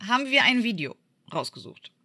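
A woman from Germany co-hosting a podcast in casual chat. She tells stories in a lively way, acts out what people said, and uses many fillers. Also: a little high, fairly quick. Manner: lively storyteller who acts out quoted voices, many fillers. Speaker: podcast co-host.

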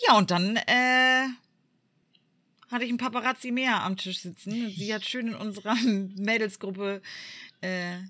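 A woman from Germany co-hosting a podcast in casual chat. She tells stories in a lively way, acts out what people said, and uses many fillers. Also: medium pitch, measured pace. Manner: lively storyteller who acts out quoted voices, many fillers. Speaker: podcast co-host.

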